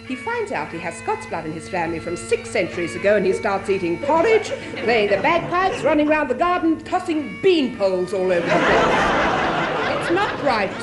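An actress playing an exasperated, sharp-tongued woman of the household, complaining melodramatically and scornfully in radio sitcom style. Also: medium pitch, very animated, normal speed, loud music behind the voice, lightly acted. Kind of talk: studio radio sitcom acting.

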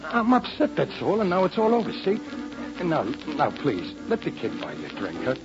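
A man's voice: a little high, huge pitch swings, normal speed, over music. An actor playing a cocky, touchy tough-guy boxer with slangy street talk in a 1940s radio drama. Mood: earnest pleading. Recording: muffled vintage radio recording.

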